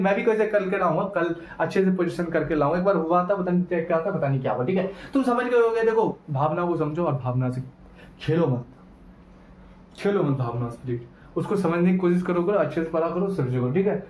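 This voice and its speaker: Man, physics teacher, classroom lecture, slightly high voice, echoey room. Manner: repetitive, asks students questions. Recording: echoey room, muffled lo-fi, faint noise.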